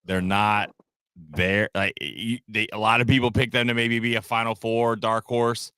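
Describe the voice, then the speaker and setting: A man hosting a casual sports talk show, relaxed and hesitant with plenty of fillers. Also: lowish voice, moderate pace, clean tone, no echo, studio quality.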